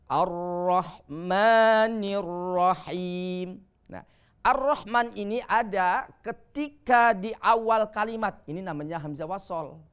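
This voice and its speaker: Male Quran teacher on TV, smooth clear voice, patient explainer. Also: high-pitched, fairly bright tone. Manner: explains patiently, chants Arabic verses slowly. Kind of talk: televised Quran reading lesson. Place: TV studio.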